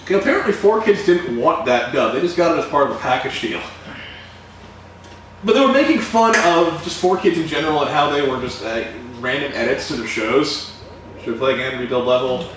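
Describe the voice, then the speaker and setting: A man's voice: on the high side, fairly quick, slight background noise. A man chatting casually while playing video games with friends, telling rambling stories. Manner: animated, rambling storyteller. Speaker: gaming video co-host. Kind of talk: casual gaming chat. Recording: echoey room, distant mic, faint music.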